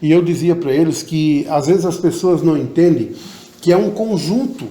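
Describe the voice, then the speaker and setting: A man with a Southern Brazilian Portuguese accent coaches public speaking in a didactic way. His voice sits a little high with a mellow, soft tone. The room is echoey. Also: normal speed. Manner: didactic, demonstrates vocal emphasis. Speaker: oratory teacher. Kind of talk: interview guest giving tips.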